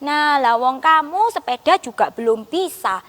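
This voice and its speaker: A woman Sunday school teacher, gently coaxing and explaining to a child puppet. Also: high voice, lively intonation, measured pace, in a large hall.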